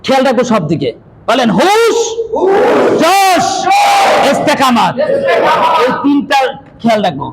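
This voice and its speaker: A man's voice: extremely high pitch, huge pitch swings, measured pace, long pauses, a loud crowd. A man teaching a Quran recitation class, drilling his students in call-and-response and often raising his voice. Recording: loud class and room noise.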